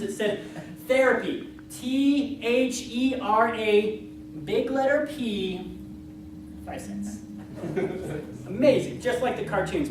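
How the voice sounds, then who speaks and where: A contestant in a storytelling contest tells a tall tale to a live audience, animated and acting out dialogue and moves along the way. The voice is mid-range. The event room is very echoey and noisy, picked up by a distant mic.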